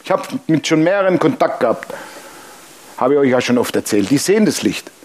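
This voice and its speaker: Ein älterer Mann, der als Pastor lebhaft und humorvoll predigt und dabei Bibelverse vorliest. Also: male voice, medium pitch, brisk. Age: older. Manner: lively, humorous preaching with Bible reading aloud. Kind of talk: sermon.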